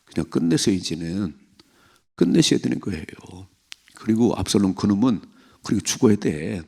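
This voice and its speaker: A man's voice: fairly low pitch, lively intonation, moderate pace, gravelly, mellow, husky. A man preaching a sermon at an early morning church prayer service, talking conversationally and putting questions to the congregation. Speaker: pastor.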